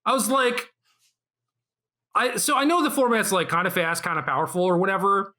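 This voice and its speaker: Male podcast host, bright forceful tone, slightly high, easygoing chatter. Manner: relaxed, quick reactive interjections. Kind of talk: casual chat.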